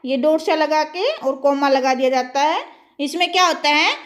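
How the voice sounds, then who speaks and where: A woman's voice: high-pitched, normal speed. A young woman teaching a grammar lesson, posing questions to her students and answering them herself.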